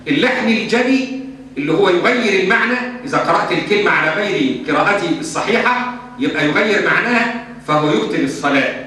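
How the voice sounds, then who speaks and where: Man, Egyptian accent, religious Q&A lesson, emphatic, rather high voice, distant mic, very echoey hall. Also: bright, forceful tone. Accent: Egyptian Arabic. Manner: emphatic, switches between formal and colloquial speech. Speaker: Islamic scholar answering questions. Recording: echoey hall from far off, faint hum.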